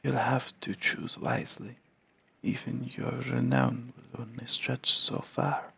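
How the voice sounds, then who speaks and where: A man voicing an old male giant scribe, speaking slowly in a soft, half-whispered way. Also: mid-range voice, little pitch movement, creaky, slightly rough, pitched above the performer's own voice, exaggerated voice. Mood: hushed, measured.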